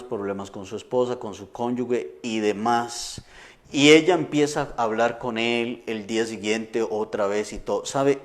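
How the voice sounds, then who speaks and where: A middle-aged man, a pastor preaching a sermon in an earnest, conversational way with frequent restarts. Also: mid-range voice.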